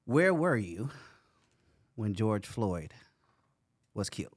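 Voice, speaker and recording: A man's voice: lowish voice, big pitch swings, slow pace, no echo, studio quality. A man hosting a podcast, asking questions casually with lots of hesitant fillers. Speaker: podcast host. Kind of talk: casual conversation.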